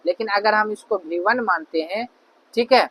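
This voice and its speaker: Guy explaining grammar in an online class, keeps asking quick questions as he goes. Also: high voice, a bit bright, breathy edge, low-quality recording. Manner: repeats "है ना" and asks questions to check understanding. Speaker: teacher.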